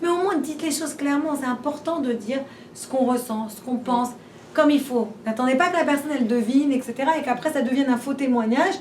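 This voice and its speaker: A woman's voice: high voice, brisk, darkish tone. A woman giving an informal class, chatty and full of rhetorical questions, repeating and restarting as she talks. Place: room where she teaches a class. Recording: roomy and distant, faint background noise.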